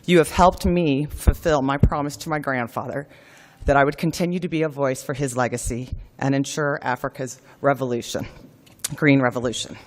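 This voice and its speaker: A woman's voice: low voice, moderate pace, long reverb tail. A woman giving a formal speech at a forum, gracious and earnest, telling a personal family story. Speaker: keynote speaker at a forum.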